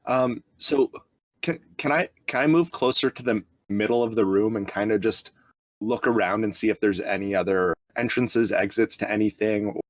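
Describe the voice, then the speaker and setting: A man playing a tabletop game, speaking casually in a relaxed, hesitant, soft-spoken way. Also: on the low side, moderate pace, no echo. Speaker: player.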